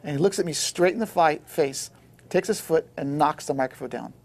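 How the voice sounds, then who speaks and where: Man, record producer, rapid-fire storytelling, slightly high voice, acts out the dialogue. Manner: lively anecdotal, acts out quoted dialogue. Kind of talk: animated storytelling in conversation.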